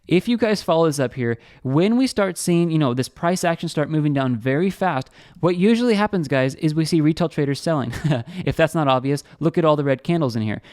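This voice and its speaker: A young man hosting a crypto trading channel, giving fast, excitable screen-share market commentary and talking straight to his viewers. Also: fairly high pitch, dry recording, clean studio sound.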